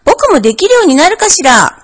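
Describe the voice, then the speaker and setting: A woman's voice: very high-pitched, sing-song, a little fast, voice pushed up. Woman voicing a curious little bear cub boy. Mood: eager. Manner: wide-eyed, questioning childlike voice.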